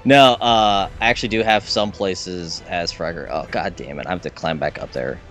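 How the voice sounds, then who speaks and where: A man's voice: deep voice, normal speed, a bit bright, soft background music. A man casually chatting while streaming a video game, narrating his play with playful asides. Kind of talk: casual gaming stream chat.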